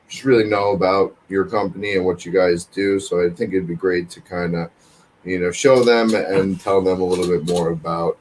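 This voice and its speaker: Deep-voiced male co-host, faint noise. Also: a little mellow, rough recording. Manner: easygoing, with fillers. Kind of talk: casual interview.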